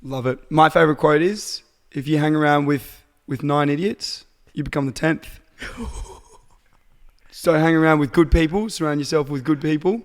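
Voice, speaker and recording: A young-sounding Australian man with a slightly high voice chats casually on a podcast, easygoing and quick to laugh. His voice carries a long reverb from the room. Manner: laid-back storytelling, laughing often. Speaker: podcast co-host. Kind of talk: casual chat.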